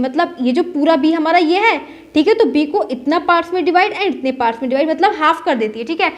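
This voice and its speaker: Young female maths tutor, high voice, patient and repetitive, questions and answers herself. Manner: repeats "theek hai" to check in, asks and answers her own questions. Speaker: maths teacher. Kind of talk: step-by-step maths lesson.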